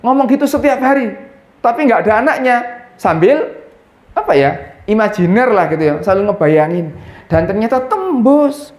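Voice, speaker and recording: A middle-aged man, giving an animated religious talk to a gathering and mixing in words. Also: high voice, moderate pace, reverberant. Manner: animated, mixing in Javanese words, acting out prayers. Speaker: preacher.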